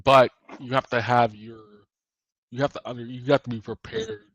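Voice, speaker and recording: A man's voice: mid-range voice, wildly swooping pitch, normal speed, creaky, dry recording, rough recording. Male co-host, casual rambly talk, dry close sound. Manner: rambling, restarts sentences often. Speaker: podcast co-host. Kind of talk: casual chat.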